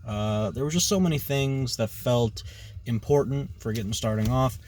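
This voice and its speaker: A man gives an informal singing lesson, his voice sitting at an ordinary middle pitch. He rambles a little, stacking fillers and checking in with a quick "right?" as he explains. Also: a little mellow, a little hiss or hum. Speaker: vocal coach. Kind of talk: casual video lesson.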